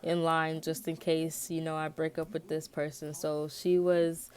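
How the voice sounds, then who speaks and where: A young American woman with a voice a little on the low side talks as a vlogger. Her delivery is informal and colloquial. She rambles candidly through a personal story, as if chatting with someone she knows. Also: a little mellow. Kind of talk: casual personal chat to camera.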